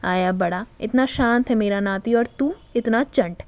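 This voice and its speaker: A feisty older grandmother with a sharp tongue, always scolding and snapping back, as a woman storyteller plays her. The voice sits a little high and close, with a dry sound. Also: a little slow, no room sound, close to an everyday voice.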